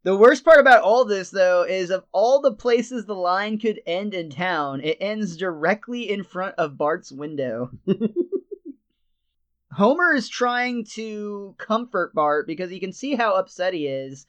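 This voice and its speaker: A man's voice: sits high, expressive, unhurried, smooth. A man co-hosting a podcast, casually reviewing a cartoon episode, retelling scenes in detail with frequent chuckles. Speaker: podcast co-host. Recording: slightly dull lo-fi sound.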